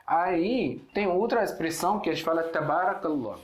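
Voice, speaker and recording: A man's voice: on the high side, lively intonation, normal speed, slight background noise. Syrian man teaching Arabic in an echoey room. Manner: hesitant, many fillers and restarts, explains with examples. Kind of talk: casual online language lesson.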